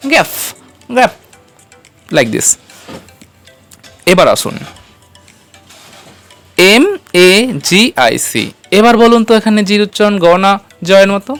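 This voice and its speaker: Female tutor voice, mid pitch, patient and methodical, spells letters and quizzes the listener, faint music under. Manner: patient, spells out letters and poses quiz questions to the viewer. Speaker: English pronunciation teacher. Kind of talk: step-by-step spoken lesson.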